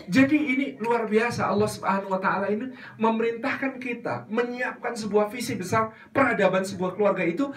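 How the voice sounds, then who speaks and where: A man preaching in a lively, teasing way, often turning to address the mothers in the audience. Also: sits high. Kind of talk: religious lecture. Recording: distant mic.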